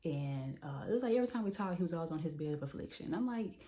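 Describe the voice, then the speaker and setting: A woman with a low, gravelly voice, talking through a personal story. She sounds candid and conversational, with lots of "like"s and pauses. Her tone is dark and mellow. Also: lively intonation. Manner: candid, conversational, many fillers and "like"s. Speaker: storyteller vlogger. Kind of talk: casual storytime monologue.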